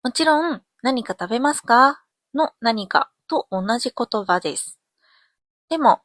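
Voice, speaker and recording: A young woman from Japan hosting a podcast lesson, explaining phrases gently and clearly with examples. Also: on the high side, no echo, clean studio sound. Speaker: Japanese teacher, podcast host.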